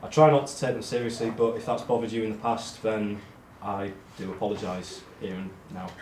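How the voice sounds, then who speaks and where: A man giving a self-deprecating speech to his friends in a monotone voice, with frequent ums. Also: fairly low pitch, a little fast. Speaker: award speech giver among friends. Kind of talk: casual speech read to friends. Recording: echoey room with faint noise.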